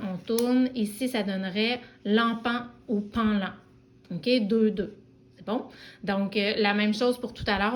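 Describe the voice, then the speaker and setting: A middle-aged woman walks through a card game at an easy, conversational pace. She pauses often on fillers and restarts her sentences as she explains each step. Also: medium pitch. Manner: hesitant, many fillers and restarts. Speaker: educator presenting a game. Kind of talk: casual demonstration of a card game.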